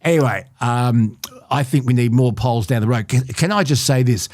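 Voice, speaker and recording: A man's voice: mid-range voice, moderate pace, a little mellow, dry recording, clean studio sound. An Australian man hosting a podcast, chatting wryly about politics in short bursts. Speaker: podcast host. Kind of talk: casual political chat.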